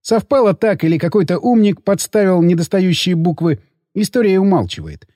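Male audiobook narrator, ironic, animated delivery, dry close sound. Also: sits high, normal speed, no echo.

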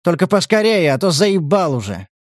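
A man voicing a gruff, foul-mouthed mercenary commander who gives curt orders. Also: high-pitched, very animated, normal speed, no room sound, clean studio sound, pitched above the performer's own voice. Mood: curt commanding.

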